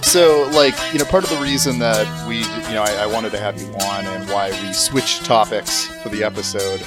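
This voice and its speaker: A man's voice: fairly low pitch, moderate pace, over loud music. A man hosting a casual political podcast, speaking hesitantly with many fillers. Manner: hesitant, filler-heavy, laughs easily. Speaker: podcast host.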